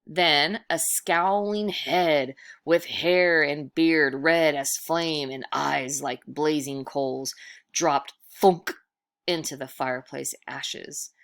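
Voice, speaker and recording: Here a woman narrates a children's story with drama and expression, lingering on certain words for effect. Her voice is low and creaky, and she takes her time.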